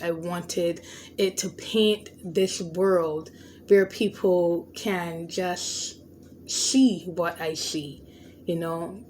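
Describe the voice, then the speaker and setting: A woman with a lowish voice hosts a podcast, talking through a personal story in an earnest, reflective, unscripted monologue. She has a stutter and a lisp and often restarts words, with slight background noise present.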